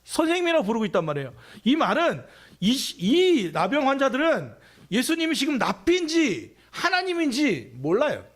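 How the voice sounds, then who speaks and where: A man's voice: very high voice, wildly swooping pitch, moderate pace. A man preaching a sermon as pastor of a church, talking conversationally and asking his listeners many questions.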